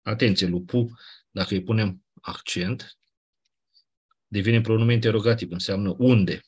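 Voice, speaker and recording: A man teaches a grammar lesson, explaining step by step with casual asides. His voice sits a little low and has a husky, breathy edge. He keeps checking in with his class as he goes. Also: steady tone, a little mellow. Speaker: Greek teacher. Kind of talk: classroom lecture on Ancient Greek grammar.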